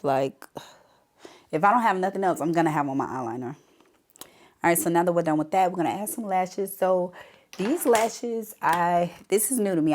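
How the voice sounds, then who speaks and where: A beauty vlogger with a cold talks her viewers through a makeup tutorial, chatting loosely and addressing them straight on as "y'all." Her fairly low, darkish voice sounds congested and stuffy.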